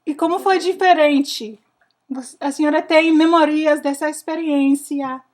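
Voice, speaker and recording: A high-pitched woman speaks Portuguese with an English accent. She takes her time, pausing to find words. Her manner is polite and careful, as an interviewer's is. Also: steady tone. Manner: halting, polite, searching for words.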